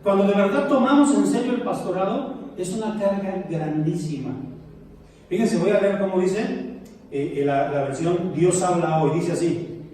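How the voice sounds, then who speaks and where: A man's voice: high-pitched, moderate pace, a little mellow. A middle-aged man with a Mexican accent preaching a sermon, telling humorous stories and speaking straight to his congregation. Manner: storytelling, humorous asides to the congregation. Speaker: pastor. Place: church sanctuary. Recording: echoey church hall, mic far off, faint noise.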